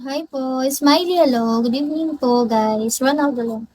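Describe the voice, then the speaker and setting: High-voiced young woman live streamer. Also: a little slow, a little mellow, a little hiss or hum, poor audio. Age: young adult. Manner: playful, teasing, greets viewers by name. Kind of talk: casual live stream chat greeting viewers.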